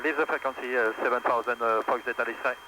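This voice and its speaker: A man flying a small plane, making clipped, halting radio calls through a headset radio. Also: medium pitch, steady tone. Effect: heard through an aircraft headset radio. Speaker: private pilot. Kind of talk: radio calls to air traffic. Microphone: headset mic. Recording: muffled cockpit headset audio with loud engine noise.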